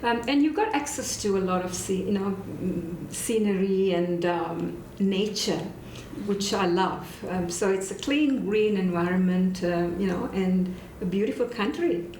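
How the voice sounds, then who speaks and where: A woman's voice: medium pitch, unhurried, a little mellow, roomy sound, slight background noise. A middle-aged woman from Sri Lanka, a university recruitment director, talking casually as an interview guest, friendly with many fillers.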